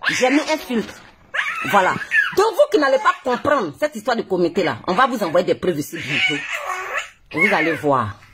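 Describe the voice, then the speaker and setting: Heavy background noise surrounds this woman's sing-song, rather high voice, which moves a little fast. With her Ivorian French accent, the blogger rants heatedly into her phone on Facebook Live, scolding and mocking with lots of laughter.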